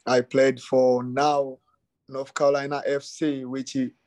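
Ugandan-born man, relaxed interview guest. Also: mid-range voice, measured pace, dry recording. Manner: relaxed, many fillers like "you know" and "um". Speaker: youth soccer academy director, guest. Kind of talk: casual interview.

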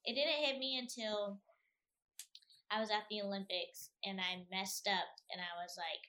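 A young woman talks through her answers in a loose, conversational interview style. Her voice is bright and forward, and she keeps things lively with plenty of filler words. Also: medium pitch, moderate pace. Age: young adult. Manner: chatty, animated, lots of filler "like". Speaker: athlete guest.

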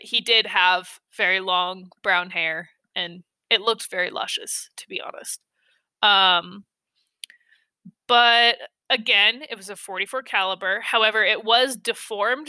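A woman's voice: medium pitch, bright, forceful tone, smooth, dry recording. A young woman hosting a podcast, telling a true-crime story in a casual way, full of ums and blunt offhand asides. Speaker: podcast host.

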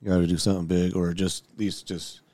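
A man's voice: deep voice, level tone, fast, dark tone, no room sound. A man co-hosting a casual podcast, talking loosely about a fight with slang and rambling asides. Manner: laid-back, rambling, slangy. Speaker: podcast co-host. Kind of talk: casual fight commentary chat. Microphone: headphones and podcast mic.

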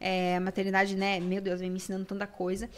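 Uma mulher jovem, convidada de uma entrevista, que conta histórias com animação e imita diálogos. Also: female voice, medium pitch, fast, slight background noise. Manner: animated storyteller, acts out quoted dialogue. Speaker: interview guest. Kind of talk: casual interview chat.

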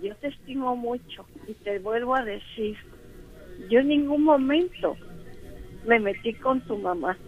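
A woman's voice: on the high side, measured pace, narrow, tinny audio. A woman calling in to a radio show, telling her story emphatically and acting out the quotes. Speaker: caller.

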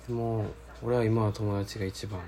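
A man's voice: on the low side, level tone, moderate pace, warm tone, slight background noise. A man hosting a casual solo radio-style show, reading listener mail and talking in a rambling, laid-back, slangy way while searching aloud for his words.

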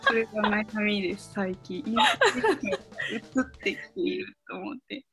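Polite giggly woman chatting, mid pitch, a little music behind. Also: huge pitch swings, slow pace, a bit bright. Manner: polite, giggly, laughs often. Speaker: podcast member. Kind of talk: casual chat.

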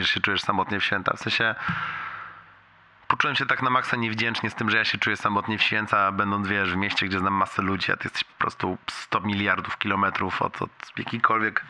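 A man leaves a long voicemail for a friend, rambling and restarting mid-sentence. His voice sits a little low, yet it has a bright, sharp and tense edge. He talks about himself in a self-deprecating way. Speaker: friend leaving a message. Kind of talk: leaving a voicemail.

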